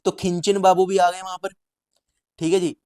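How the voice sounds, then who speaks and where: A man teaching statistics as a story, lively and repetitive, often calling his viewers brother. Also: sits high, moderate pace. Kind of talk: storytelling lecture.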